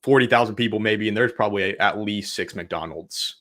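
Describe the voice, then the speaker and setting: An easygoing man from Oklahoma answers questions as a guest on an interview show. His voice sits fairly low for a man, and he laughs along with the host as he talks. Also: a little fast, a bit bright. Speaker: guest, marketing consultant.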